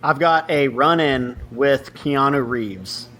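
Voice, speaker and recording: A man's voice: medium pitch, slow pace, fairly bright tone, a little hiss or hum. A man co-hosting a casual podcast chat, laid-back and giving short replies. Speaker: podcast co-host.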